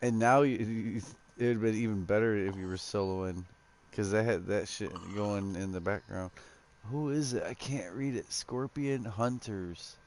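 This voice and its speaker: A man's voice: on the low side, normal speed, a little mellow. A man chatting casually with friends while playing a game, laid-back and chuckling. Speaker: gamer streaming with friends. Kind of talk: casual chat while gaming.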